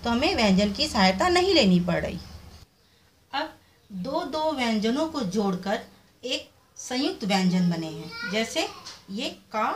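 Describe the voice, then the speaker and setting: Teacher lady, kinda high voice, walks through it step by step, bit of hiss behind. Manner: explains step by step, asks and answers her own questions. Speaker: Hindi teacher. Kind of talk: recorded revision lesson.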